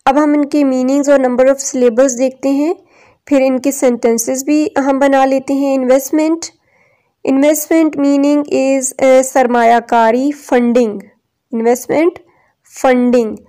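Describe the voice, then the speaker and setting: A woman teacher with a high, soft-toned voice works through a textbook lesson. She takes the English text at an unhurried, deliberate pace and then explains it in Urdu. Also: fairly even intonation.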